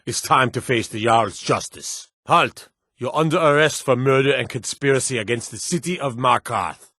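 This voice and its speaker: A stern city guard from a fantasy video game delivers scripted voice lines in a low, slightly husky voice that's a bit bright. Gruff and authoritative, he hands out clipped threats like a weary lawman who could be bought, recorded dry and close with no echo.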